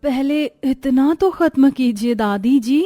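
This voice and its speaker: A woman voicing an exasperated young daughter-in-law in an animated story, complaining about her in-laws. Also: high-pitched, slow, no echo, studio quality, soft background music, voice pushed up. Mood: polite.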